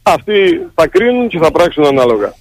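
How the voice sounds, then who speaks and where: A sleepless, exhausted union secretary from Crete, speaking in an agitated and pleading way in a live radio interview. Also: male voice, fairly high pitch, sing-song, no room sound, low-quality recording.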